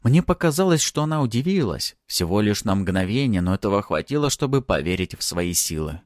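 A man narrating a first-person fantasy audiobook in a dramatic, expressive reading. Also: on the low side, a little fast, dry recording, clean studio sound.

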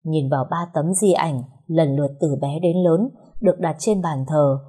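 A woman narrating a first-person story in a somber, measured way. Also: sits low, dark tone, slightly rough.

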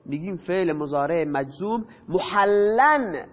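Animated and high-pitched, a man leads a grammar lesson, quizzing his class and responding to his own questions. The sound is muffled and low-fidelity, with a long echoing tail behind his speech.

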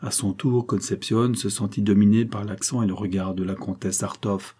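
A man narrating a classic novel in a dramatic, measured reading. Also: fairly low pitch, fairly even intonation, dark tone, breathy edge. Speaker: audiobook narrator.

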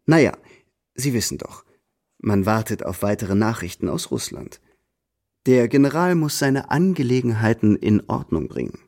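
Radio drama: pompous, scheming French nobleman, lively and lofty. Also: mid-range voice, normal speed. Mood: haughty. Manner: pompous, sprinkles in French phrases. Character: haughty scheming French marquis, middle-aged man.

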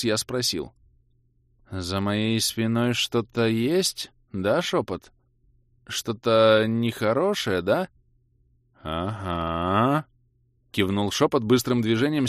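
Brief: male audiobook narrator, animated, dramatic first-person storytelling, dry close sound. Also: on the low side, no room sound.

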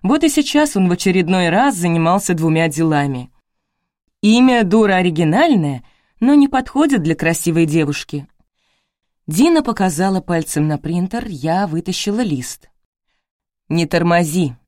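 Low-voiced woman narrating an audiobook. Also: big pitch swings, normal speed, a little mellow, dry recording, clean studio sound. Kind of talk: scripted first-person narration.

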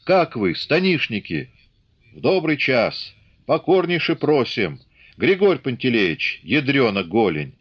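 A man voicing a hearty Cossack officer calling out loudly to a village crowd in an audiobook. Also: mid-range voice, big pitch swings, a little slow, slightly rough, highs cut off, voice pushed up. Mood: rousing. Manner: loud, rousing, calling out.

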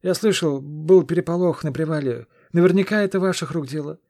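A man's voice: a little fast, mellow, dry recording, close to an everyday voice. A sly young red-haired runaway begs in a raised, eager voice, as a man puts him on. The tone is clipped and dry, with no room around it. He sounds wheedling and keen to please. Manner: high, eager and imploring.

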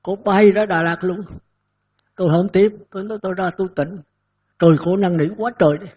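An older male monk preaching in a husky, fairly high voice, spinning folksy stories and acting out both sides of conversations. The recording is dull and lo-fi. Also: steady tone, fairly quick, darkish tone. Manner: folksy storytelling, acts out dialogues, chuckles. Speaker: Buddhist monk giving a dharma talk. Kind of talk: sermon.

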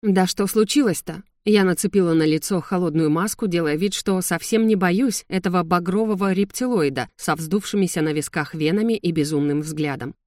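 An audiobook reader giving scripted first-person fantasy narration in an even, measured way. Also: medium pitch, no room sound, studio quality.

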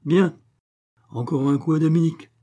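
A husky-voiced man voicing a sarcastic, nagging middle-aged bourgeois wife in an audiobook reading. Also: medium pitch, dark tone, natural voice. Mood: scolding. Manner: sarcastic, nagging, quick to scold.

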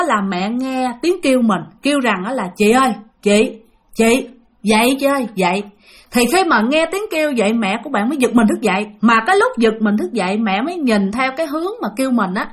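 Chatty woman telling a ghost story. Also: on the high side. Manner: chatty, addresses listeners directly. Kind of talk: spoken ghost story narration.

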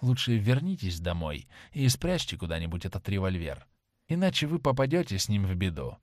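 A cold young aristocrat, read by a male narrator, speaks in a cool, lofty, reproachful tone. His pitch moves animatedly. The audiobook sound is dry and close. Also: big pitch swings, fairly quick, no echo. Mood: haughty. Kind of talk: audiobook character reading.

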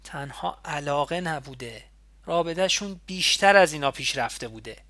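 A man's voice: high voice, dry recording, pitched above the performer's own voice. A man voicing a cool, sardonic young man. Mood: sly. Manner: cool and reproachful, building to sharp lecturing. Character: calm, sardonic young man, scolding comrade.

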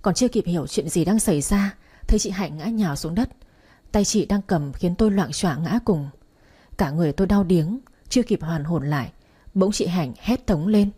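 A woman narrating a story with a steady, measured reading. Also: fairly low pitch, slightly rough. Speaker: audiobook narrator.

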